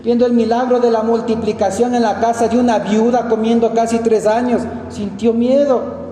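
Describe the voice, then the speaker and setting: A preacher with an Ecuadorian accent gives an emphatic sermon, swinging between loud outbursts and hushed asides. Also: male voice, extremely high pitch, level tone, normal speed. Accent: Ecuadorian Spanish. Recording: echoey hall with long reverb and faint noise.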